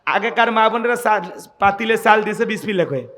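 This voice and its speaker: A man's voice: high voice, lively intonation, brisk, a bit bright, big-room sound. A man preaching a sermon, rousing the crowd with calls for responses and joking asides. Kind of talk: sermon at an evening religious gathering.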